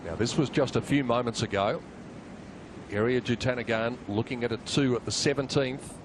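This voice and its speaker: A man's voice: medium pitch, moderate pace. A man working as a golf commentator, calling live tournament play for television. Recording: clear outdoor course ambience noise. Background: outdoor ambience.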